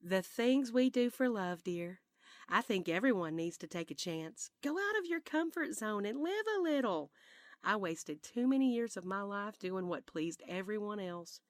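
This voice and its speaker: A woman voicing a spirited, sweet elderly grandmother with a Southern accent, speaking in a lively, drawn-out, sing-song way. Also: medium pitch, no room sound, studio quality, voice pushed up, lightly acted. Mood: encouraging. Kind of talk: audiobook character voice.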